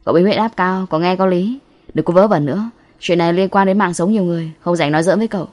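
Woman playing stern young man, demon hunter, commanding, forceful, scolding, audiobook drama. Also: fairly low pitch, fast, lightly acted.

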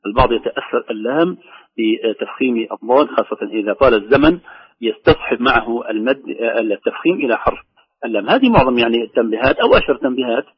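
A man teaching Quran recitation, briskly explaining pronunciation and sounding out the words he corrects. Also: medium pitch, lively intonation, breathy edge. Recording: muffled radio broadcast sound.

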